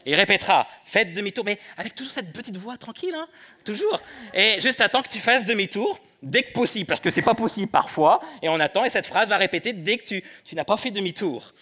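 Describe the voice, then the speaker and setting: A man preaching a sermon in church, moving between soft prayer and light humor. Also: sits high, animated, fast. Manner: prays softly then preaches with humor. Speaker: pastor.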